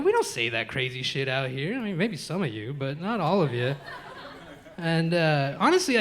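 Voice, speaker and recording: A man's voice: sits high, fairly bright tone. A man from the United States doing a live stand-up set in a comedy club, profane and talking straight to the crowd as folks.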